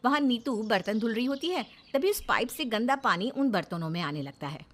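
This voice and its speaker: A woman narrating a household drama in an even storytelling way. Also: on the high side, brisk.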